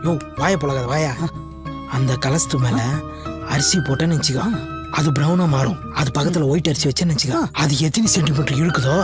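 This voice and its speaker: A man in a film comedy scene, boasting and bluffing in quick comic banter. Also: fairly high pitch. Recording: film soundtrack with music behind.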